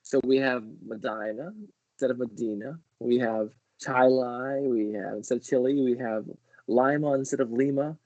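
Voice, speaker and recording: A man's voice: mid-range voice, steady tone, normal speed, darkish tone, no room sound, muffled recording. A man hosting a casual livestream interview, chatty and eager, often restarting his sentences. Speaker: host.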